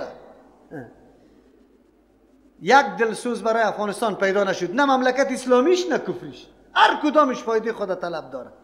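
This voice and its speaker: A man's voice: extremely high pitch, fairly bright tone, long reverb tail. A man with an Afghan Dari accent giving a Quran commentary lesson, lecturing emphatically and firing off rhetorical questions. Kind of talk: sermon-style Quran lesson.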